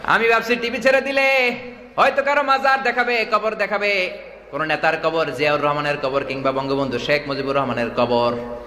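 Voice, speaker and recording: A high, bright man's voice, preaching a humorous sermon. He mimics dialects and keeps drawing replies from the crowd. The sound is roomy, with a long hall reverb and a faint hiss. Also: fairly even intonation, a little fast. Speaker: Islamic preacher. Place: large religious gathering.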